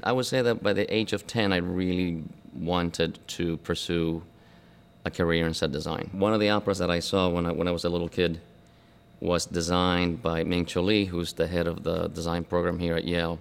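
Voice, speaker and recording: A man's voice: deep voice, flat delivery, moderate pace, gravelly, clear, resonant tone. A scenic designer from Argentina speaking in a documentary interview, reflective and searching for his words.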